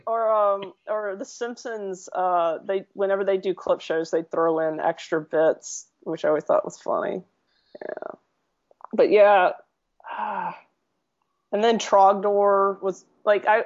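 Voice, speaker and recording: A woman chatting casually on a podcast, excitable, laughing often and swearing freely. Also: mid-range voice, dull audio. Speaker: podcast guest.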